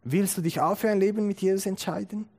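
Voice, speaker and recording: A man preaching a sermon, earnest and direct, often asking the congregation questions and building to emphatic high points. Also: fairly even intonation, fast talker, a little mellow, a little hiss or hum.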